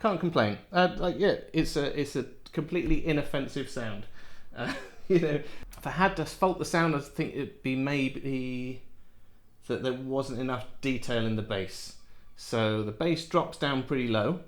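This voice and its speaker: A man's voice: medium pitch, measured pace. A man in his thirties from Wales, reviewing headphones in a rambling, chatty way in a home office. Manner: rambling, chatty, self-interrupting with laughs. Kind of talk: casual product review. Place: home office with window and plants.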